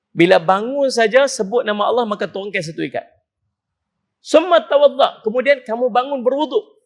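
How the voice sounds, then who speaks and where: A man with a Penang Malay accent giving a humorous, animated mosque lecture, mimicking people as he preaches. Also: high-pitched. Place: mosque hall.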